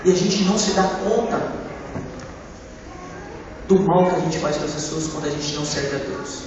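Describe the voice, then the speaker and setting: A man giving a church testimony, impassioned, swinging between loud outbursts and hushed lines. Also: a little high, moderate pace, noisy background. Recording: echoey church hall from far off, dull sound.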